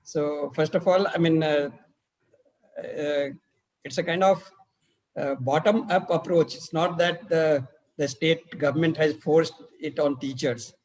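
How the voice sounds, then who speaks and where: A man giving informal, rambling remarks as a conference participant, halting and correcting himself. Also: a little high, fairly even intonation, poor audio.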